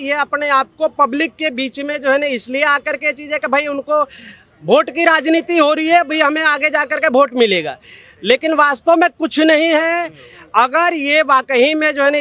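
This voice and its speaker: A man's voice: very high voice, pushed and bright, no echo. A man giving emphatic political opinions in a street interview, repeating points and issuing warnings.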